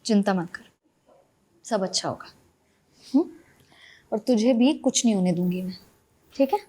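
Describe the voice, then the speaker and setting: A young actress playing a gentle, caring elder sister about to marry, speaking softly and reassuringly in a TV crime drama. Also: female voice, medium pitch, a little slow, lightly acted. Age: young adult. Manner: soft, reassuring, affectionate.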